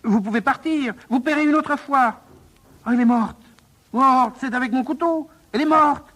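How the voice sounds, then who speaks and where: A man's voice: high voice, slow, fairly bright tone, voice pushed up. A man reading a play aloud, voicing a pedantic old professor who drills his pupil over and over and turns menacing. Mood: panicked. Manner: insistent, repetitive drilling, rising to panic. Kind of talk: dramatic stage reading.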